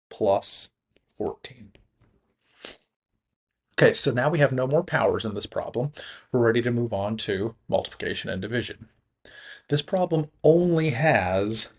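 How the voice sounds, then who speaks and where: A man teaching a recorded math lesson, talking through the steps in a relaxed way and chuckling at his own slips. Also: mid-range voice, husky.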